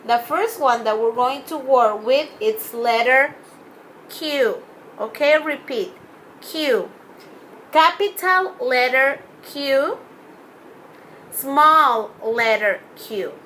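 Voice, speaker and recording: Young woman, Spanish first language, kids' teacher on video: very slow, patient phonics drills, clear bright tone. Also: sits high, slight background noise, poor audio. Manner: slow, drawn-out phonics teaching with counting and repeated words. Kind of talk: children's class video lesson.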